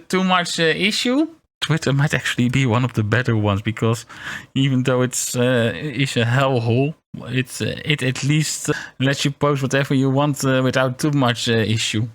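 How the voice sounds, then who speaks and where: A man livestreaming in a casual chat, talking in a halting, rambling way with wry, self-deprecating grumbles. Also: medium pitch, fairly bright tone. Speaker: VTuber streamer.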